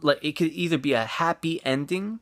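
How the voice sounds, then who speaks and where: A man's voice: fairly high pitch, fairly quick, dry recording. Guy rambling about his fave movies, lots of ums and restarts, dry close sound. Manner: chatty, loose with fillers and restarts. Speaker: movie channel host. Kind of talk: casual movie list review.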